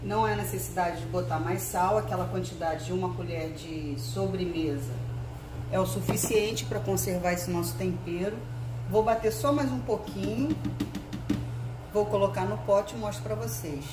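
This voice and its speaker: A woman's voice: mid-range voice, normal speed, far from the mic, background noise. Chatty Brazilian woman in echoey kitchen. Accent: Brazilian Portuguese. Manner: chatty, explains each step to viewers. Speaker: cooking video host. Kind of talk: casual cooking demonstration. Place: home kitchen.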